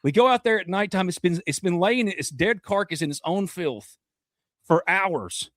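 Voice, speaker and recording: A man in his thirties, a podcast guest telling loud animated stories in casual chat, laughing often. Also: sits high, moderate pace, dry recording, clean studio sound. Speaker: podcast guest, sports commentator.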